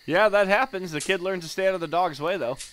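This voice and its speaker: A man's voice: high-pitched, fast talker, fairly bright tone, poor audio. A man chatting playfully and joking as he comments on an online game with his friends. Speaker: let's play co-host. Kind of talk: casual chat and game commentary. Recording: faint noise, insects and game ambience.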